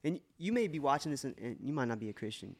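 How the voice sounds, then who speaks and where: Very animated and quick, his mid-range voice carries an emotional, earnest account of faith. He's a co-host on a casual faith podcast and keeps restarting as he talks.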